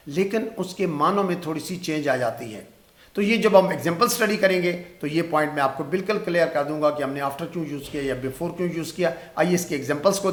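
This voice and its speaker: A man with a Pakistani accent teaching an English lesson, explaining step by step and repeating example sentences slowly. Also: on the high side. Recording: echoey room.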